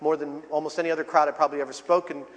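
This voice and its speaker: A man's voice: on the high side, fairly even intonation, rapid-fire, dull audio. A man answering audience questions at a live talk, enthusiastic and loose, with some swearing. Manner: enthusiastic, loose, a bit profane. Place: large hall at a convention. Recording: large hall with audience.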